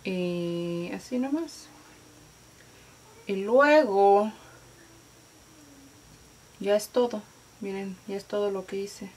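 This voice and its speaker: A woman talks through a makeup tutorial in a relaxed, chatty way, dropping in English words. She speaks at an unhurried pace. A faint hiss runs under the recording. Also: medium pitch, low-quality recording. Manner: slangy, mixes English words, chatty and playful.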